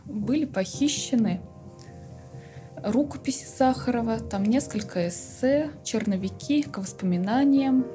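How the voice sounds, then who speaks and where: Mellow, higher-voiced woman telling a story. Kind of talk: interview explanation.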